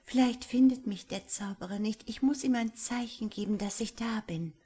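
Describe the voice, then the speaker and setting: A woman voicing a little female angel who pleads tenderly and tearfully in a raised, soft voice. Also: on the high side, normal speed, slightly rough, voice pushed up. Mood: anxious.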